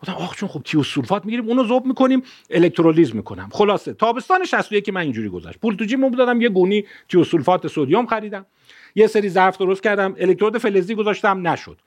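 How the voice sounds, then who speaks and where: A lecturer in his fifties gives a public science talk, his voice sitting high. He's an animated storyteller who blends ideas with a personal anecdote and frequently corrects himself.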